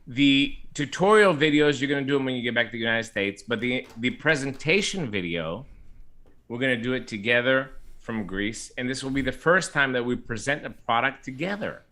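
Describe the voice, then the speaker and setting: Male co-host, upbeat and teasing, bright tense tone. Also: medium pitch, lively intonation, brisk. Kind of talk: casual chat.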